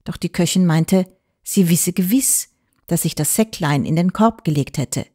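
A woman reading an audiobook aloud in measured, even storytelling. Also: on the low side, husky. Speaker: audiobook reader. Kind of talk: scripted audiobook narration.

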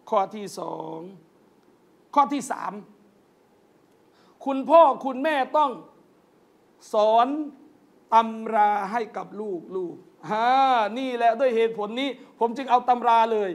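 A man with a very high voice lectures a congregation in a mosque. He tells emotional stories earnestly, keeps addressing the crowd as brothers and sisters, and slips in light jokes. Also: slow pace, long pauses. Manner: storytelling, often calls listeners brothers and sisters. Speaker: Islamic preacher.

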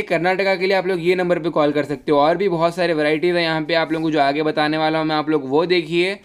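Fast-talking man pitching a shop. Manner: fast salesy pitch, repeats "dude". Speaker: shop promoter. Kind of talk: promotional voice-over. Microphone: voice-over over photos.

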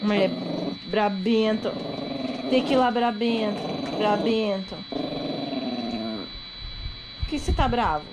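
A woman's voice: medium pitch, takes it slowly, pauses often, heavy background noise. A woman in casual baby talk to her pets at home, cooing and repeating pet names in a sing-song way. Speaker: vlogger talking to her pets. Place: home with dogs around.

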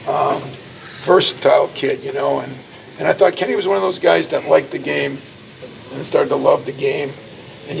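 Crowded by reporters after a game outside the locker room, a college basketball coach in his sixties answers with emphasis and plenty of anecdotes. His voice is a little high with vocal fry and sounds recorded from a distance. Handheld mics gather at close range, while the noisy hallway recording puts one about a step away.

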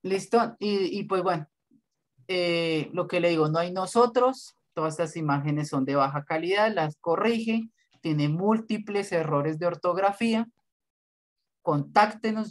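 Man, design teacher, lecturing and correcting bluntly, no-nonsense. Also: on the high side. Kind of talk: online class feedback.

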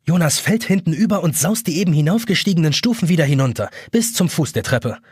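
Husky animated male audiobook narrator. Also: a little high, quick pace, no echo, studio quality. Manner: expressive, animated storytelling. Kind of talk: scripted narration.

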